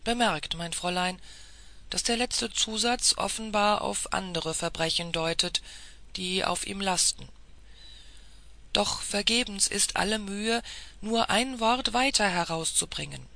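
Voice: mid-range voice, unhurried, creaky, pushed and bright. A reader voicing a persuasive old-world police official. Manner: formal, insistent persuasion.

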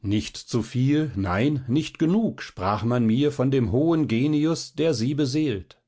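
A man voicing a solemn, earnest older gentleman in a storybook reading. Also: mid-range voice, slow pace, voice pushed up. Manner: grave, earnest. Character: earnest older male host, solemn then emphatic.

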